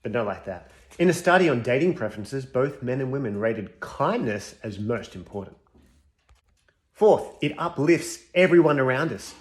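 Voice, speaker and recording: A man's voice: mid-range voice, lively intonation, moderate pace, close to an everyday voice. A man playing a scruffy, cocky expert on compassion who confidently lectures through a list of studies in a comedic school chapel sketch. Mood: cocky lecturing. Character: scruffy bearded male compassion specialist, cocky.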